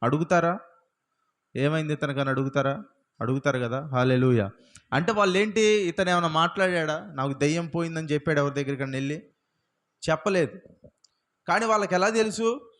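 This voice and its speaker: Fairly quick and fairly high-pitched with a touch of brightness, this man's sermon voice drives the service. He keeps throwing rhetorical questions at the congregation, marking each point with hallelujah after hallelujah.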